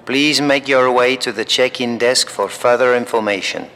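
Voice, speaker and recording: An actor playing a calm, formal male airport announcer who reads flight numbers slowly and clearly. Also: medium pitch, long reverb tail. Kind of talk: scripted language-course recording.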